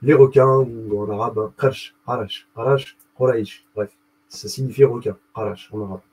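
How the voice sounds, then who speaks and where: Husky, mellow-voiced man explaining casually. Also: medium pitch, fairly even intonation, moderate pace, poor audio. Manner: rambling, familiar, often asks "d'accord?"; spells out Arabic letters and words. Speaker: video host explaining letter symbolism.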